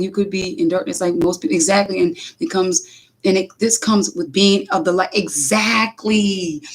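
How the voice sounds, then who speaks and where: A mother speaking casually, telling an animated spiritual testimony full of restarts and acted-out quotes. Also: mid-range voice.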